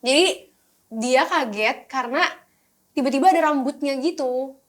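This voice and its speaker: A young woman, an actress guest on a podcast, telling a story in lively casual chat. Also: high voice, moderate pace, slight background noise. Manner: lively storytelling, acting out quoted voices.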